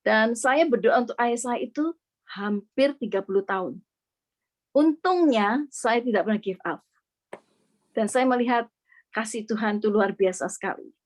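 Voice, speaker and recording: A woman's voice: a little high, measured pace, pauses often. A middle-aged woman from Indonesia earnestly sharing a personal faith testimony, slipping English words into her speech.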